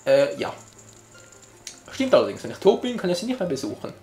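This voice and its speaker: A man's voice: high voice, big pitch swings, brisk, a little mellow, echoey room, faint music behind. A man giving casual, jokey gameplay commentary as a let's player, chatting to his viewers.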